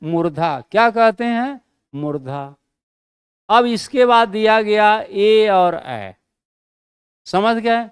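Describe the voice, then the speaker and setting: A man with a high, very clear voice teaches a lesson at an unhurried pace. He keeps asking rhetorical questions and answers them himself, drawing out key terms for emphasis. The sound is close and dry. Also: lively intonation, no room sound. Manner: slows down to stress key terms. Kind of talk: classroom lesson.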